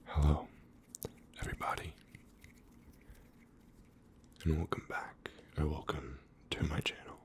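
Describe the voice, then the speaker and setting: A man whispering softly and slowly into a close stereo mic, moving from ear to ear as an ASMR creator. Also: rumbling low, flat delivery. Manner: soft, slow, unvoiced whisper.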